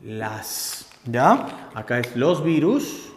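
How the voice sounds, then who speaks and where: A man's voice: mid-range voice, very animated, very slow, slight background noise. A man teaching a grammar lesson, explaining patiently and checking in with his listeners. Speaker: language teacher. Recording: echoey room with long reverb.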